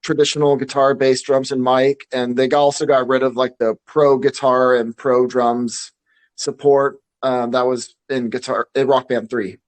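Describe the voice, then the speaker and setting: Here a podcast co-host talks in a level, mid-range voice, going a little slowly. He chats casually but hesitantly, frequently starting his sentences over.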